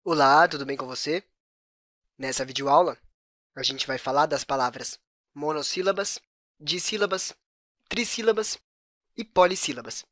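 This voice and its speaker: A Brazilian woman teacher presenting a video lesson in a clear, explanatory way. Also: deep voice, moderate pace, long pauses, a bit bright, dry recording, clean studio sound. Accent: Brazilian Portuguese.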